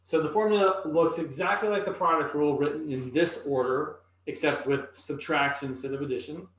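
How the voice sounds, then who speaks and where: A man's voice: a little high, brisk, fairly bright tone, slight background noise. Male math instructor, thinks aloud while writing, very echoey room, far from the mic. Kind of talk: recorded classroom lecture.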